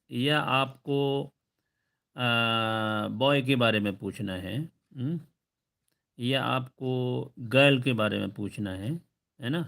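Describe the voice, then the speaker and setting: A man's voice: medium pitch, creaky, fairly bright tone. Patient man teaching Arabic lessons. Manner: patient, repeats "ٹھیک ہے؟" checks and slow drawn-out example phrases. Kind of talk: recorded online lesson.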